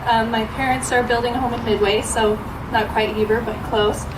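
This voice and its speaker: Higher-voiced woman, distant and echoey. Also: little pitch movement, brisk. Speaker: donor speaker. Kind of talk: informal speech to a gathering. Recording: echoey, noisy, distant microphone.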